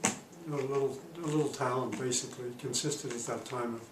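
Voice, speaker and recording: In an oral history interview recorded through a distant mic in a roomy space with faint noise, an older retired diplomat talks at a medium pitch. His speech is halting and packed with pauses and fillers.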